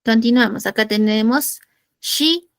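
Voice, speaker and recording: Peruvian lady teaching online english class, kinda high voice, keeps asking ok? and answering herself. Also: a little slow, no echo. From Peru. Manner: patient, repeats "¿ok?" and asks rhetorical questions.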